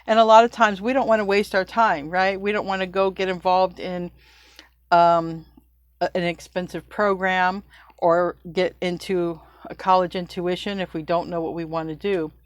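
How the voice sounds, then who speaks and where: Speaking at a moderate pace with little pitch movement, this middle-aged tarot reader has a fairly low voice, captured in a dry recording. Her casual spiritual reading is loose and chatty, like talking to a friend, and she fixes her words midway and laughs at her mistakes.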